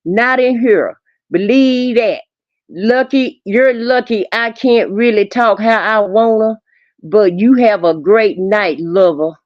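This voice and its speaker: A woman co-hosting a livestream casually performs a reading of text messages, speaking slowly in a mid-range voice. The close audio is dull and lo-fi, with no echo.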